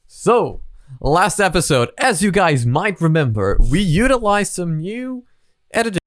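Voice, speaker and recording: A man's voice: sits high, sing-song, measured pace, no room sound. Guy doing reaction commentary, rambly and chatty, voice bouncing up and down a lot, dry close sound. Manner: chatty, rambling, with many fillers. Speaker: reaction video host.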